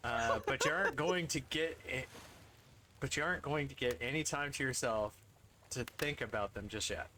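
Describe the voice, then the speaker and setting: A man's voice: medium pitch, normal speed, background noise. A man streaming a dating game, reading its narration aloud with wry, amused, laughing asides. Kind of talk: casual game narration and commentary. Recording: loud game music behind.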